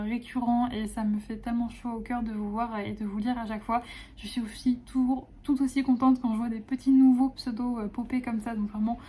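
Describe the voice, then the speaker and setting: A woman's voice: a little high, warm tone. A woman illustrator chatting casually in a vlog, gushing and affectionate about the things she made, with lots of filler words. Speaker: illustrator presenting her own collection.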